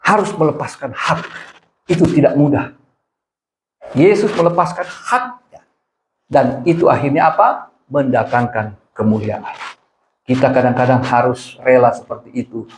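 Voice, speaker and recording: A man's voice: mid-range voice, a little slow, slight background noise. A man preaching a sermon as pastor, telling a personal story with emphatic, storytelling delivery. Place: church hall. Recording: echoey church hall.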